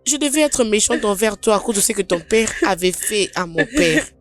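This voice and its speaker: A woman's voice: medium pitch, lively intonation, normal speed, faint music behind, natural voice. A woman playing a kind young woman who soothes and comforts a crying friend, in a dubbed film drama. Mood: soothing. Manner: soothing, pleading softly.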